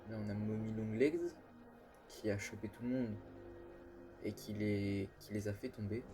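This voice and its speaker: A young gaming YouTuber gives casual let's-play commentary on the game in front of him, his low-ish voice moving at a measured pace over a noisy background. He's chatty and joking, full of fillers and restarts.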